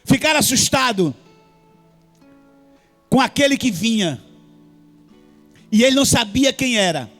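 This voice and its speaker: A man's voice: very high voice, expressive, unhurried, long pauses, fairly bright tone. A man preaching a sermon in church with a Brazilian Portuguese accent, impassioned and sing-song, with frequent hallelujahs. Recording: faint music behind.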